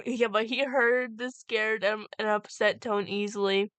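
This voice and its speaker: A woman reading fanfiction aloud as a co-reader in an unhurried way. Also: on the high side, fairly bright tone, dry recording. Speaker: co-reader and editor.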